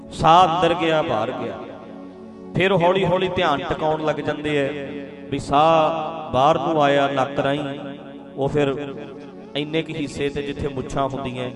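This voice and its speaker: A woman giving a spiritual teaching talk. She explains patiently, repeats her phrases and addresses her listeners directly. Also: sits low. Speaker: spiritual speaker. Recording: music playing behind the voice. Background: music.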